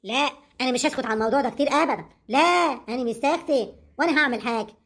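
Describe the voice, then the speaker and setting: A woman's voice: sits high, very fast, a bit bright. A woman with an Egyptian accent playing a scheming, hot-tempered peasant mother-in-law who talks sharply and indignantly.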